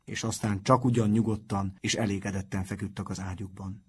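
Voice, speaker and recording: A man with a husky voice narrating a children's book in a calm, steady storytelling manner. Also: lowish voice. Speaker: audiobook narrator. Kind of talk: scripted narration.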